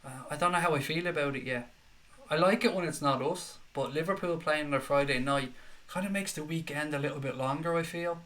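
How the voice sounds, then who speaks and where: A man's voice: fairly high pitch, fairly quick, fairly bright tone. A man with a Dublin Irish accent hosts a casual live stream with a slight head cold, reading viewer messages aloud and answering them in a matey way. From Dublin, Ireland.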